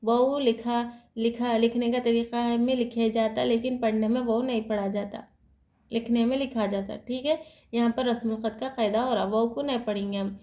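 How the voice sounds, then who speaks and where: A woman's voice: on the high side, steady tone, normal speed, mellow, echoey room. A woman teaching Quran reading rules in an online lesson, explaining patiently, repeating each rule and asking and answering her own questions.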